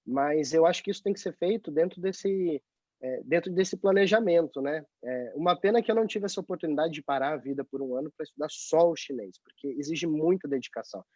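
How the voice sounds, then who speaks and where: The guest, a journalist based abroad with a Brazilian Portuguese accent, talks briskly in a voice that's a little high. The video-call interview sounds dry, dull and lo-fi, and his manner is chatty and animated, full of tag questions.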